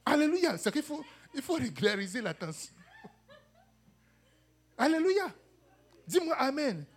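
Preaching in a high-pitched voice at a slightly slow pace, a woman animatedly calls to her congregation, seeking "Amen" and "Alléluia," and performs the quoted voices of characters in her stories.

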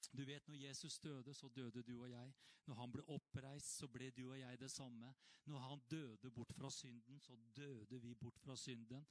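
A man preaching a sermon in a conversational way, now and then rising into animated outbursts. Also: mid-range voice, no room sound.

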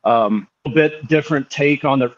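A man's voice: medium pitch, normal speed, dull audio. A man eagerly showing off his car on a video call, talkative and enthusiastic about it. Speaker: guest.

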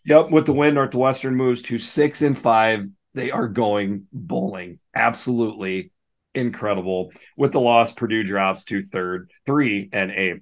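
A man co-hosting a casual sports podcast, hoarse and gravelly today, talking in a relaxed, rambling way with frequent restarts. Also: lowish voice, unhurried. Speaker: co-host.

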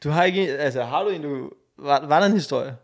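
Twenties, Danish accent, gravelly podcast co-host, animated storyteller who swears freely. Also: male voice, fairly high pitch. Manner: acts out voices in his stories, swears freely. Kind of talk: casual chat, animated storytelling.

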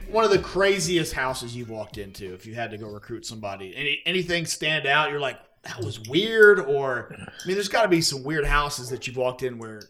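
A man's voice: mid-range voice, expressive, fairly quick, sharp tone, slight background noise. A man hosting a podcast, asking a guest a loose, rambling question and rephrasing it as he goes. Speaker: podcast host. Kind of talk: casual interview.

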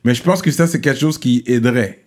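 Picture a man with a mid-range voice, chiming in with short remarks on a relaxed podcast. His talk is plain and conversational. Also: medium pitch, quick pace. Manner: brief interjections. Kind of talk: casual conversation.

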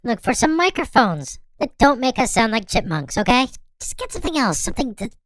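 A man's voice: sing-song, brisk, fairly bright tone, no echo. A man hosting a comedic radio show, his voice sped up into a chipmunk voice, bossy and exasperated. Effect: sped-up chipmunk voice from a pitch-shifting mic.

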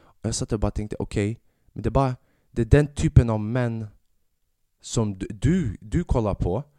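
Podcast host, male, low-pitched, dry close sound, feverish, swears freely while ranting. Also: no echo. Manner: swearing, rambling, animated rants. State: sick with fever. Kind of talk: casual monologue podcast.

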